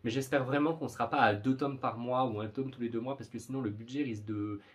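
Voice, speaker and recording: A man's voice: medium pitch, fairly even intonation, quick pace. A young man chatting casually in a vlog about upcoming manga, rambling and often stumbling over his words. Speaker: manga YouTuber.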